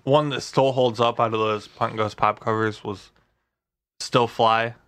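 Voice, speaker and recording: A man's voice: mid-range voice, steady tone, unhurried, a bit bright, slight background noise. A man co-hosting a podcast in a casual, conversational style. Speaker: podcast co-host. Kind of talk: casual chat.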